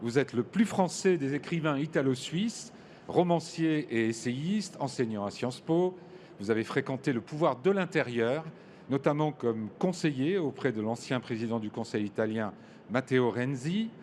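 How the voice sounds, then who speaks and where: A man moderating a panel discussion, giving formal, measured introductions to his guests. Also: mid-range voice, darkish tone, slight background noise. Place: large hall at a public event.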